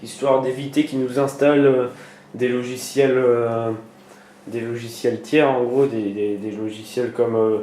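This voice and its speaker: A man's voice: mid-range voice, steady tone, measured pace, warm tone. A man talking through a computer tutorial as he works on screen, hesitant and full of fillers and restarts. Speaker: tutorial maker. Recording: echoey room with faint noise.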